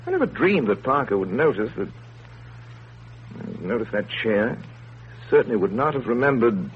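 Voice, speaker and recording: Husky actor as a weary doctor, old radio. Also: male voice, mid-range voice, lightly acted. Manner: measured, reflective, detached. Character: weary male country doctor, coolly confessing murderer. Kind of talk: 1930s radio drama acting. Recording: muffled, phone-like 1930s radio broadcast.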